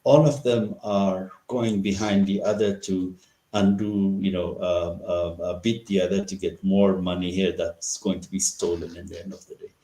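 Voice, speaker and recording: With a deep, warm voice and fairly even intonation, a middle-aged Ethiopian man speaks at normal speed as an interview guest. His political commentary is impassioned, marked by rhetorical questions and frequent restarts, and the audio echoes roomily.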